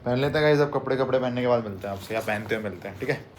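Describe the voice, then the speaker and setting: With a mid-range voice delivered rapid-fire, a young travel vlogger jokes and teases his handheld phone camera, throwing in bursts of pretend anger. The sound is reverberant and distant from the mic, with some slight background noise.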